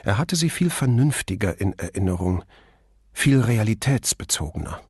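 A man reading an audiobook in measured, even scripted narration. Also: fairly low pitch, breathy edge, no echo, studio quality.

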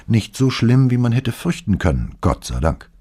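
A man voicing a calm middle-aged police detective who speaks in a measured, dryly understated way in an audiobook. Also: mid-range voice, husky, pitched above the performer's own voice. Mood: sober.

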